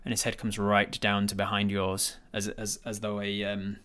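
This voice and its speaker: A man narrating a tabletop game as game master, improvising haltingly and repeating words as he thinks aloud. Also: on the low side, completely flat delivery, a bit bright.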